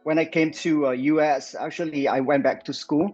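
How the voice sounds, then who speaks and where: A man's voice: on the high side, steady tone, normal speed, darkish tone, highs cut off, soft background music. A man in his forties from Vietnam with a Vietnamese accent, a nonprofit founder answering interview questions with many fillers and restarts.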